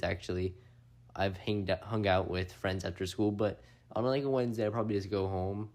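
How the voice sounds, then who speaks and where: Casual low-voiced teen boy host. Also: a little mellow. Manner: rambling, laughs often. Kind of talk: casual chat.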